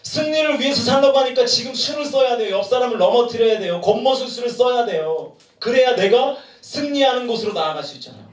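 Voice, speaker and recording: A male pastor preaching a sermon at a retreat, animated and joking, throwing questions to the crowd. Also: very high voice, fast talker, hardly any pauses. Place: large room at a retreat. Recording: echoey room from far off.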